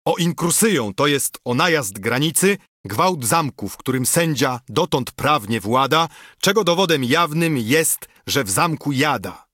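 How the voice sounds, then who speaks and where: A man voicing a pompous, fussy court usher who makes a formal legal proclamation, with a slightly husky voice. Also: a little high, lively intonation, unhurried, pushed and bright, dry recording, studio quality, pitched above the performer's own voice, heavily acted.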